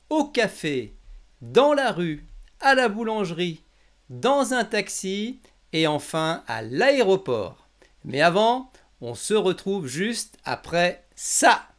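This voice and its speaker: A man's voice: sits high, very animated, slow, fairly bright tone. A man from France teaching in a scripted language lesson, articulating every word with exaggerated care. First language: French. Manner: over-enunciated, carefully articulated. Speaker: French teacher, lesson host.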